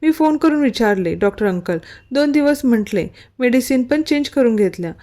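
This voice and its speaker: A woman reads as a worried, protective young man who speaks in short, commanding bursts. She keeps her own fairly high voice for him, with only a light shift. It sounds like a storybook read-aloud. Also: expressive, moderate pace, warm tone, lightly acted. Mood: tender. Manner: curt, worried orders.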